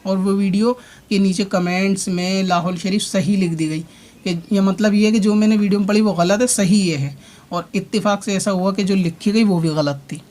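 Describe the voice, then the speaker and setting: Speaking in a high, steady, slightly mellow voice, the man argues against his opponent in a lengthy monologue as a religious online commentator, repeating his arguments and explaining them in detail.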